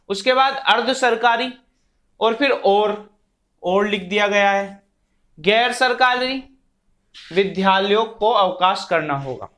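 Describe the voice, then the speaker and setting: A male teacher walks through a grammar lesson at a deliberate, unhurried pace, his voice sitting fairly high for a man. He explains patiently with simple everyday examples and dictates words one at a time as he writes them out. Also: sharp tone. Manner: slow, dictating words one by one while writing.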